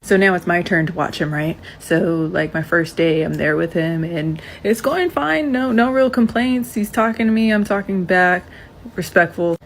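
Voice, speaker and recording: Woman, former school nurse, blunt and lively storyteller who curses casually, voice sitting a bit low. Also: normal speed, a little hiss or hum. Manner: blunt, animated, swears freely.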